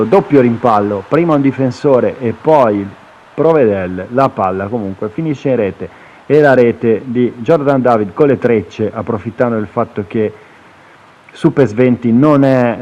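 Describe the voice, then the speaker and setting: Italian man doing casual football commentary, slightly dull sound. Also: medium pitch. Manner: chatty, with asides and hesitations, lifting into excited calls on chances. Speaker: commentator of football video game highlights.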